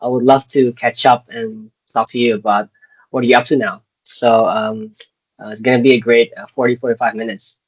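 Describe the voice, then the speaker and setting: An Indonesian man hosts a casual podcast interview over a video call, speaking in a mid-range, flat, brisk and slightly rough voice. He sounds hesitant and uses lots of filler words, and the call audio is dull and lo-fi.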